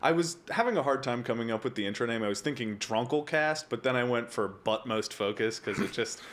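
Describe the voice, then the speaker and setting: A man's voice: medium pitch, brisk, a bit bright. A young man hosting a casual gaming podcast, joking and rambling between laughs while having a few drinks. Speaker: podcast host.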